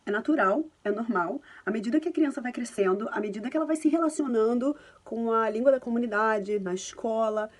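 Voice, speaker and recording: A woman's voice: a little high, fairly quick, hardly any pauses, soft background music. A woman in her thirties from Brazil with a Carioca accent, talking casually to camera from home, reassuring and chatty, with many tag questions. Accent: Carioca Brazilian Portuguese. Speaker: parenting and language vlogger. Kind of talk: casual advice talk to camera.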